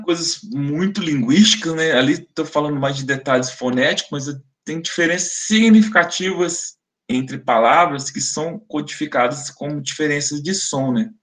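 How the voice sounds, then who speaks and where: A man's voice: mid-range voice, fairly bright tone. A man from Brazil giving an academic webinar lecture, explaining in a conversational way, often checking in with the listeners and sounding out speech examples aloud.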